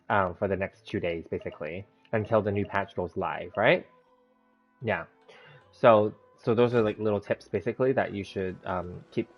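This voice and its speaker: A man chatting casually as he hosts a gameplay livestream, rambling through each step, with a slight lisp as if he just bit his tongue. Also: on the low side. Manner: rambling step-by-step self-narration. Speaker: live-streaming game host. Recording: dull, lo-fi sound, background music. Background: music.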